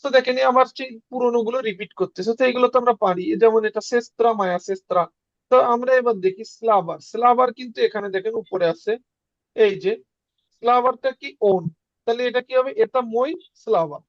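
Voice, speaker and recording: A man teaching a casual beginner lesson, repeating words slowly for learners. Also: very high voice, dry recording, highs cut off. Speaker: Russian language teacher.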